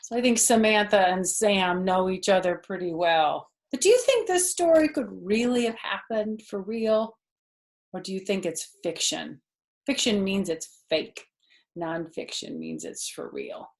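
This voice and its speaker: An unhurried, mid-pitched voice fills the living room as a grandmother in her fifties reads to children. She reads with expression, offers simple asides that explain words, and asks the listening children questions.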